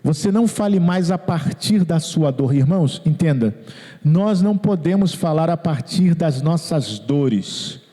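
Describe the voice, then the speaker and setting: Guy pastor preaching, kinda high voice but mellow, echo hanging in a big church hall. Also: animated, measured pace. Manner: earnest, repeats phrases, quotes people in their own words. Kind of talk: sermon. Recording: long hall reverb.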